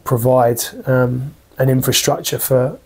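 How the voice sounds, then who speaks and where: A man in his thirties speaks in a gravelly, rather flat voice, talking earnestly through a post-match interview. He keeps restarting his sentences and filling pauses as he works through his points. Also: medium pitch. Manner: earnest, full of restarts and fillers. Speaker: football manager. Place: small office with framed football shirts.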